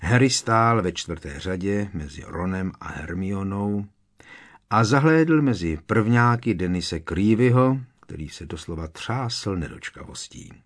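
A man narrating a storybook audiobook in a measured, expressive storytelling manner. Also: low-pitched. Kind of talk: scripted narration.

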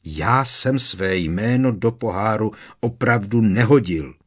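A man's voice: fairly low pitch, sing-song, breathy edge. A man voicing an exasperated teenage boy wizard in an audiobook, protesting insistently. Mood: angry. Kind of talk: audiobook character reading.

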